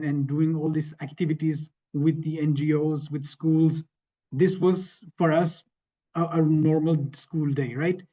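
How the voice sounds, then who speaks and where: A man from Sweden talks through his slides on a video call, casual and conversational, often restarting phrases and asking "right?". His voice sits a little high but sounds mellow and dark. The call audio is dull and lo-fi. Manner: conversational, repeats himself, frequent "right?". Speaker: panel speaker. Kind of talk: webinar talk with slides.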